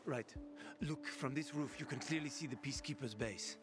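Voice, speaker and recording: Over background music, an actor voices video game dialogue as a roguish, boastful older male schemer with a wry, casual manner and some swearing. His voice is mid-range, moderately paced and lightly acted.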